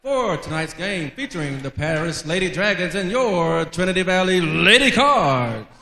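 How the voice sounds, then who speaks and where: A man announcing formally over the public address system in a large gym, slow and deliberate. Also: high voice, sing-song, background noise. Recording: echoey gym PA from far off.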